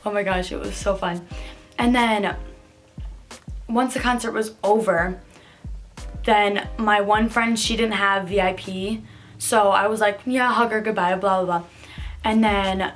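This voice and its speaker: A woman telling a casual storytime vlog, filling her talk with "like" and getting excitable when she quotes people. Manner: chatty, filler-heavy telling with many "like"s; excitable, jumps high when quoting voices. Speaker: vlogger.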